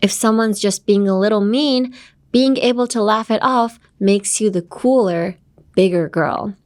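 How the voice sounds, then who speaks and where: A woman reading the lines of a polite, composed young woman gently lecturing a little girl, formal and gentle. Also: medium pitch, slow pace, natural voice.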